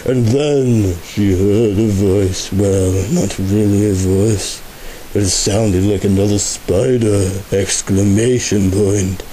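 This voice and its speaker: A man giving a hammy, stagey dramatic reading of a story, with slow, mock-grave delivery. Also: on the low side, steady tone, warm tone, poor audio. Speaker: reader of a comic fan story. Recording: faint background hiss.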